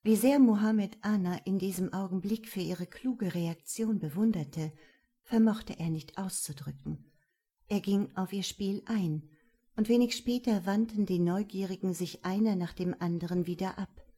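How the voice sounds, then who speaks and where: A woman narrating a novel in a calm, measured storytelling manner. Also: medium pitch, breathy edge. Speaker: audiobook narrator. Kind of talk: scripted narration.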